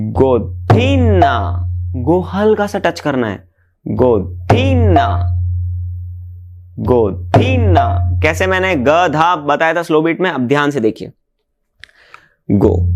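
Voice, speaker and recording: Man teaching drum syllables, lively pitch. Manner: chants drum syllables in rhythm between explanations. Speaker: mridanga teacher. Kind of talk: music lesson with spoken drum syllables. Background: mridanga drum playing.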